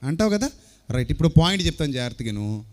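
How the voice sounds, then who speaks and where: A man preaching a sermon to a congregation from a church stage, animated and firing rhetorical questions at the listeners. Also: a little high, very fast. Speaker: pastor.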